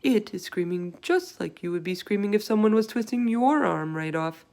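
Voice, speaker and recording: Lady doing a big friendly giant guy from a kids book, proud n earnest, gravelly, funny grammar. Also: medium pitch, expressive, moderate pace, dark tone. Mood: earnest, emphatic. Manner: quaint muddled grammar, emphatic delivery. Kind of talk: storybook read-aloud character voice.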